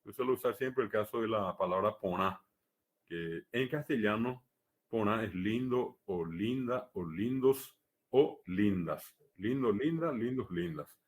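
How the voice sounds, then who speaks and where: A man giving a live academic lecture, measured and explanatory, pausing often on hesitation fillers. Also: lowish voice. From Paraguay. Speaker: lecturer on the Guaraní language.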